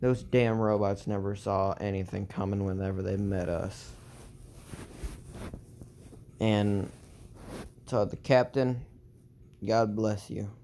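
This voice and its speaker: A solemn young soldier hero, as a man puts him on, speaking in slow, halting, earnest phrases. The voice sits low and mellow, smooth and clean. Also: steady tone.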